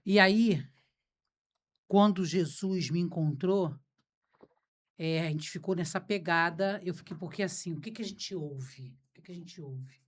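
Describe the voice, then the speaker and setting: A woman's voice: on the low side, unhurried. A Brazilian woman hosting a podcast, talking frankly and informally. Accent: Brazilian Portuguese. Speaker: podcast host. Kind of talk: conversational interview.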